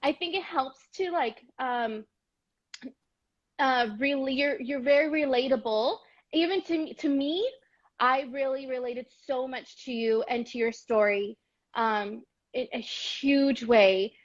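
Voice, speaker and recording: A high-pitched woman hosts a casual live-stream conversation, gushing and effusive with many fillers. The sound is dull and lo-fi, like a video-call stream. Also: takes it slowly. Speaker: host.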